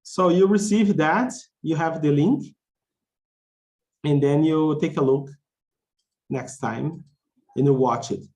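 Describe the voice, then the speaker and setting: A man with a slightly high, a little mellow voice teaches an English conversation class slowly, leaving long pauses. His instruction is simple and repetitive around key phrases, and he checks understanding with questions.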